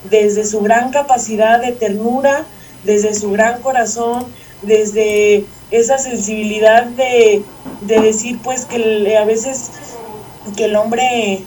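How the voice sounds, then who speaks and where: Woman thinking out loud, mellow voice, kinda far from the mic with some hiss. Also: on the high side, steady tone. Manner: reflective, halting with many restarts. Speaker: guest. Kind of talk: casual chat. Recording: distant mic with faint noise.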